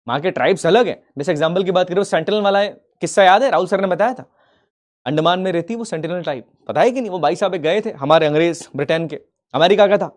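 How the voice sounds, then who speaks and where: A man teaching a live online class in speech, animated and repetitive, often asking if the students have understood. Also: on the high side.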